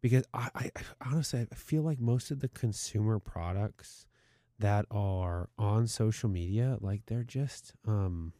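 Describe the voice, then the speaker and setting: A man co-hosting a casual podcast chat in a studio, talking in long animated runs. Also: a little slow, no echo. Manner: animated, mocks clickbait in high put-on voices. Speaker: podcast co-host.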